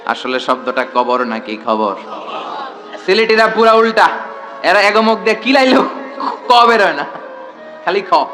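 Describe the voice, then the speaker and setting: A man's voice: high-pitched, expressive, unhurried, long pauses, pushed and bright, faint music behind. A man preaching a sermon to a large gathering in a tent, throwing rhetorical questions at the crowd and calling for responses.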